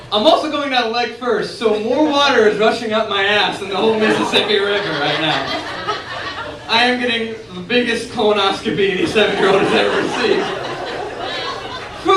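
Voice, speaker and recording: A young man from Texas telling a funny personal story on stage at a bar, animated and laughing as he goes. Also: high voice. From San Antonio, Texas. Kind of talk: comic personal story told live. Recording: echoey room recording from far off, noisy.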